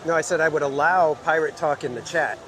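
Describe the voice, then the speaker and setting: A man hosting a casual walking livestream in a theme park, chatting with viewers in a relaxed, rambling way. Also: on the high side, a little fast. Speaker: livestream host. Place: outdoors in a busy theme park. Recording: loud outdoor park noise.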